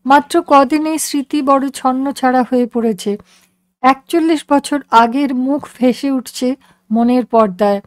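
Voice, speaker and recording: A woman reading a literary story aloud in a measured, reflective and expressive way. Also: high-pitched, no room sound. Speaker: story reader.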